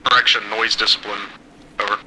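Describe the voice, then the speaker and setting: A man's voice: lowish voice, flat delivery, fairly quick. A man giving clipped military radio reports as a squad leader in a tactical game, over a crackly radio filter. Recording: crackly radio with faint noise.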